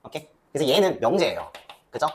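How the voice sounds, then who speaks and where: A woman's voice: sits low, quick pace, a little hiss or hum. Young woman math teacher, rising and falling voice, quizzes and answers herself. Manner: lively, asks and answers her own questions. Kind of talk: classroom lecture.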